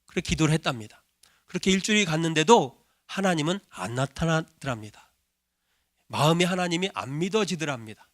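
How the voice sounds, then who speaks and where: Man, pastor, sermon storytelling, high voice, dry close sound, acted-out pleading prayers. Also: animated, brisk, dry recording. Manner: acts out quoted prayers, rising to loud pleading.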